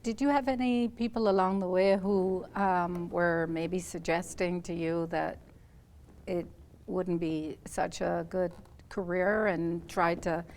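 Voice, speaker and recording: A woman hosting an interview, prompting her guests with gentle questions and brief affirmations. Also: on the low side, fairly even intonation, slow pace. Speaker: interview host.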